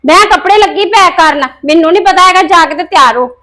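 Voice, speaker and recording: ਔਰਤ ਵੱਲੋਂ ਤਿੱਖੀ ਜ਼ੁਬਾਨ ਵਾਲੀ ਦਰਾਣੀ. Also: female voice, very high-pitched, fairly quick, sharp tone. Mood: bossy. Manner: snide, bickering. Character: sharp-tongued sister-in-law and mother.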